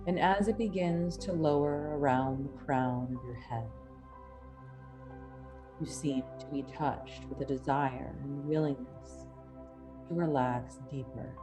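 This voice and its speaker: A woman hypnosis instructor guiding a relaxation induction, speaking in an unhurried, lulling way with long pauses. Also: very deep voice. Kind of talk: slow, soothing guided relaxation induction. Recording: music playing behind the voice. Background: soft New-age music.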